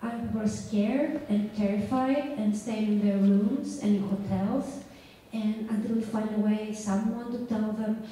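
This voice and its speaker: A woman from Greece speaking earnestly at an open forum, pausing with fillers. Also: mid-range voice, dark tone. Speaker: symposium audience speaker. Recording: distant mic in echoey hall, faint noise.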